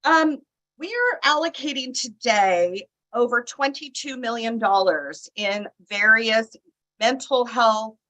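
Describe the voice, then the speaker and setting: A woman delivers an informal public comment in a fairly high, bright voice with a forceful edge. She sounds conversational and airs her opinions freely. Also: expressive, slow. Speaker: public commenter calling in online.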